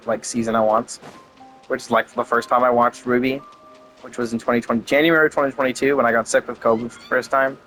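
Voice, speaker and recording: A man casually rambling and thinking out loud as he plays a video game, swearing now and then. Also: medium pitch, low-quality recording. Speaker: gaming video creator. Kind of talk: casual gameplay commentary.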